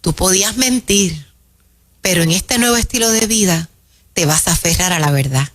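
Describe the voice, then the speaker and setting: A woman preaching in an emphatic sermon style on a radio show, calling her listeners her children and slowing down to stress key phrases. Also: on the low side, expressive. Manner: warm, emphatic, addresses listeners as "mis hijos".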